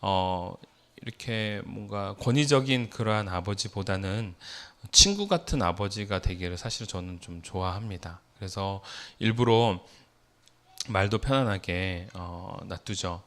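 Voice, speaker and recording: A man's voice: sits low, expressive, measured pace, a bit bright. A middle-aged man preaching a sermon as pastor, telling a personal story and asking the congregation rhetorical questions.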